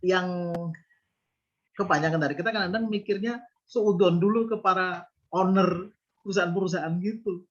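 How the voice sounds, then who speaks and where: In a reflective interview, a business owner in his fifties earnestly explains his views, often posing rhetorical questions. His voice is high-pitched, his pace normal with frequent pauses, and the recording sounds muffled.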